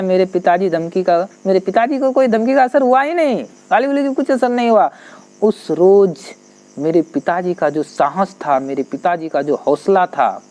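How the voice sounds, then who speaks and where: Man retelling a story to a class. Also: high-pitched. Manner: animated storytelling, paraphrasing and repeating lines. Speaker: teacher. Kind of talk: explaining a literature text.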